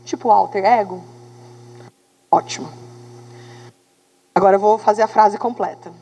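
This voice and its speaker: A woman teacher with a Brazilian Portuguese accent, giving an animated classroom lecture and checking in with her students as she goes. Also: medium pitch, unhurried, in a large hall, poor audio. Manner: animated, talks to students with tag questions.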